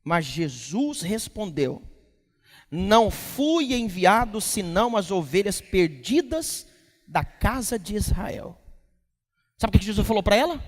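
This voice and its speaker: A male pastor preaching a lively sermon at a church service, quizzing the congregation and breaking into shouts. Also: sits high, a little slow. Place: church service in a large hall. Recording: long hall reverb from the church.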